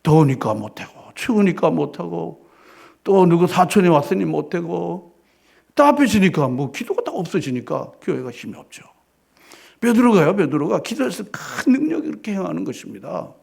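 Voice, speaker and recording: A man preaching a sermon as a pastor in church, firing rhetorical questions and swinging between loud declarations and hushed asides. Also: high voice, sing-song, normal speed, gravelly, slightly rough.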